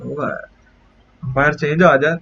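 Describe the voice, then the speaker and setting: A man's voice: a little high, steady tone, moderate pace, creaky, fairly bright tone, slight background noise. A young man streaming a video game, chatting casually with a friend as he plays. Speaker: live streamer playing a cricket video game. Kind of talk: casual gaming chat with a friend. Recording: dull, muffled lo-fi stream mic.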